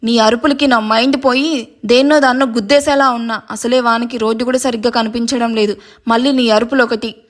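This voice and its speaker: A woman's voice: fairly high pitch, steady tone, brisk, natural voice. A woman reading a brash, mocking young man. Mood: scolding. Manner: curt and mocking.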